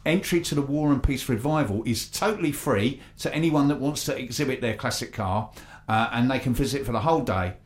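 A man's voice: mid-range voice, a little fast. English man presenting local radio. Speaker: radio show host. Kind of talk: live local radio presenting, reading announcements.

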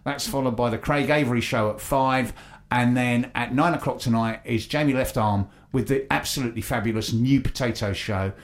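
A man's voice: mid-range voice, fairly even intonation, normal speed. English man presenting local radio. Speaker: radio show host. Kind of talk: live local radio presenting, reading announcements.

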